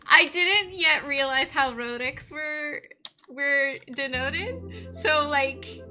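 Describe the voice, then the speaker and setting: A woman's voice: sits high, slow, pushed and bright. A woman with a Canadian accent chatting casually on a gameplay livestream, thinking aloud and laughing often. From West Coast of Canada. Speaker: streamer. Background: game music.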